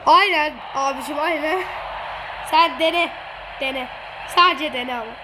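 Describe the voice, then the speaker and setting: A woman giving excited commentary over a football video game, teasing and gloating at her opponent and laughing often. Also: sits high, measured pace. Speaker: gamer streamer. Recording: noisy game audio behind.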